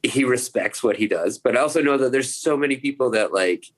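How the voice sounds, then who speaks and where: A man's voice: medium pitch, a little fast, poor audio. A man in his thirties from the United States, chatting casually on a podcast, rambling with lots of fillers and swearing. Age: 30s. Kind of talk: casual chat.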